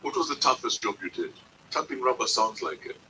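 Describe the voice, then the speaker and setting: Man, podcast host, bright ringing tone, lively intonation, a bit off-mic, faint hiss. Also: medium pitch, distant mic, rough recording. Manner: measured, probing questions. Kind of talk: scripted narration and interview.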